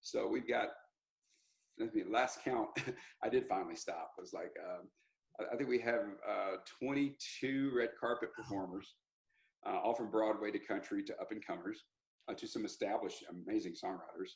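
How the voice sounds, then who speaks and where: Man, low voice, country singer guest, animated rambling storyteller. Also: moderate pace, vocal fry, poor audio. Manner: animated, rambling with restarts and laughs. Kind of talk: casual interview storytelling.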